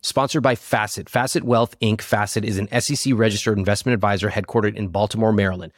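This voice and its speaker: A man reading a fast legal disclaimer at the end of a sponsor read, rapidly and flatly reciting fine print. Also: fairly low pitch, no room sound, studio quality. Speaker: podcast host and financial coach.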